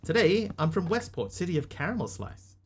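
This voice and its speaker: Streaming a game live, this New Zealand man chats easily with his audience, reading out their comments and answering each one in his New Zealand accent. He speaks a little fast in a high, sing-song voice over faint background noise.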